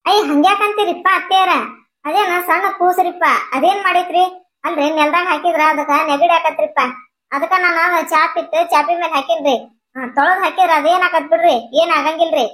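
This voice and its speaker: A woman's voice: very high voice, fairly even intonation, brisk, fairly bright tone. A woman voicing a patient young daughter-in-law and mother in a cartoon, pleading politely in a North Karnataka Kannada accent.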